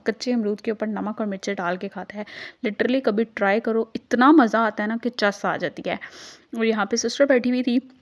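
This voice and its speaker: A woman's voice: mid-range voice, a little mellow. A young woman narrates a casual home vlog in a chatty, easygoing way. She slips English words into her everyday talk. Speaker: vlogger.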